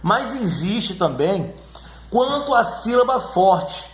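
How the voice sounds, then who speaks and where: A man teaching a grammar lesson, repeating words slowly and checking in often with his listeners. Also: sits high, very animated. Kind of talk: classroom lesson on syllables. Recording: echoey room.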